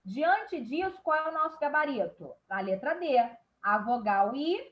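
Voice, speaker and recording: A woman's voice: sits high, animated, measured pace, highs cut off. A woman teacher with a Brazilian Portuguese accent, explaining a grammar lesson step by step and checking in with her class.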